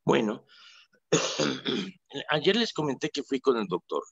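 A man's voice: medium pitch, very animated, gravelly, fairly bright tone, slightly rough, no room sound, highs cut off. A man, a priest hosting a radio show, who tells stories in a folksy way with many fillers and speaks while ill and in pain. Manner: anecdotal, folksy, pauses with fillers. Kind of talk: casual spoken reflection on a radio show.

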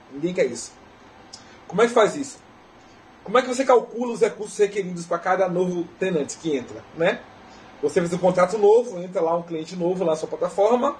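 A man with a Brazilian Portuguese accent giving a technical lecture in a relaxed, conversational way, often tagging questions onto his sentences. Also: sits high, a little hiss or hum, low-quality recording. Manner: conversational, often tags "né?" and restarts phrases. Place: conference lecture hall.

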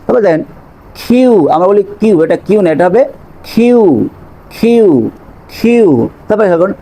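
A man teaching English letter sounds, repeating each sound slowly for learners. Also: sits high, warm tone, poor audio. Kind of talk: spoken language lesson.

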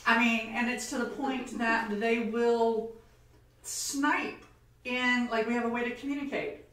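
A woman's voice: fairly high pitch, fairly even intonation, a little slow, a bit bright. A woman who runs tabletop games, chatting casually at a tea table and laughing often as she tells stories. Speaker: game master and show host. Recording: very echoey room, mic far off.

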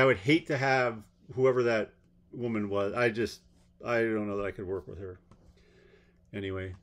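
A man's voice: medium pitch, fairly bright tone. A man giving a rambling spoken commentary on a court case, blunt and sarcastic, with exasperated asides. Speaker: trial commentator.

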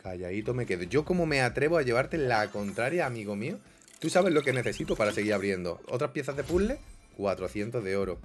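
Lively gaming commentator, animated. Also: male voice, mid-range voice, quick pace, soft background music. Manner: animated, swings from grumbling mutters to excited yelps. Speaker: gaming YouTuber. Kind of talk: casual gameplay commentary.

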